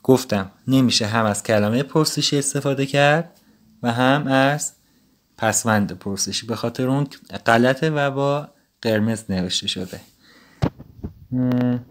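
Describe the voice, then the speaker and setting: A man giving a casual, patient language lesson, explaining grammar rules step by step. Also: medium pitch. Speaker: Turkish language teacher.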